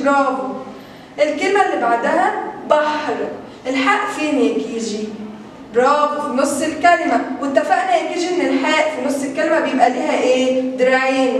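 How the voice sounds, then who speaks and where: A woman with an Egyptian accent reviews letters with young children, drawing words out slowly and sounding out each letter. Her voice sits high. The recording is distant and very echoey, with a faint hiss underneath. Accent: Egyptian Arabic. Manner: drawn-out, sounded-out words, repeated praise. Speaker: kindergarten teacher.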